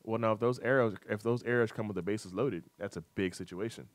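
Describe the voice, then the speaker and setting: A lower-voiced man runs a sports talk radio show, reading scores and game schedules. He fills gaps with "uh" and keeps the banter light. The sound is dry and close on a studio mic. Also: brisk, no room sound. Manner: chatty, reads scores with fillers, teasing co-host.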